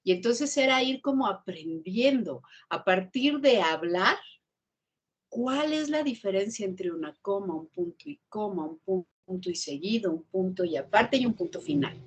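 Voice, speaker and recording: A woman with a Mexican accent telling a lively story as a guest on a video call, in an animated way. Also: medium pitch, normal speed, breathy edge. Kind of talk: storytelling in an online class interview.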